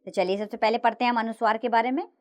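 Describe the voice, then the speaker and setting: A woman teacher narrating a grammar lesson for children, reciting the letters slowly and clearly. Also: on the high side. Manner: slow, clear recitation of letters with lively sing-song rises and falls.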